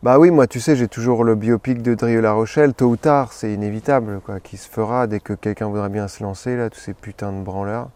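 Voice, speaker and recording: A man in his thirties in a comedy sketch interview, playing a self-important actor in a deadpan manner. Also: fairly low pitch, fairly quick, few pauses. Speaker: comic actor persona being interviewed.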